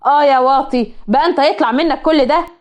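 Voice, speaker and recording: Woman doing an angry egyptian big brother, blunt, still high and fast. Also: close to an everyday voice. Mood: indignant. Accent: Egyptian Arabic. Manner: blunt, indignant. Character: protective older brother, angry young man.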